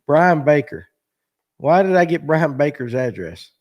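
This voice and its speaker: A man's voice: on the high side, very animated, unhurried, lo-fi sound. Rambling man in his forties. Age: 40s. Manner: rambling, joking, lots of fillers. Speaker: show host. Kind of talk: casual live-stream chat.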